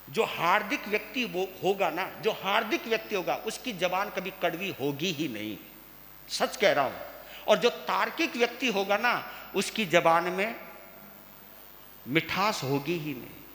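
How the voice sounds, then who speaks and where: Male monk, sermon, high bright voice, slow deliberate delivery, repeats lines and quizzes the audience; reverberant hall recording with faint hiss. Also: animated. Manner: slow, emphatic, repeats phrases and asks the listeners questions. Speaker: Jain monk preaching.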